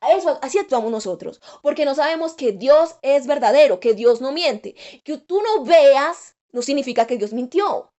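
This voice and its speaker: A woman delivers a sermon in a high voice. She speaks earnestly and repeats her key phrases for emphasis. The recording is dull and lo-fi. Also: expressive, normal speed, hardly any pauses, warm tone. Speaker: preacher.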